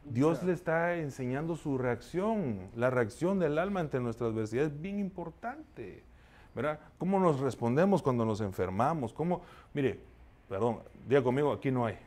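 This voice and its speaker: A man's voice: mid-range voice, animated, normal speed, a little mellow. A male pastor preaching a sermon in a conversational, confessional way, often turning to his listeners to ask for their agreement and a response. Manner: confessional, shares his own failings.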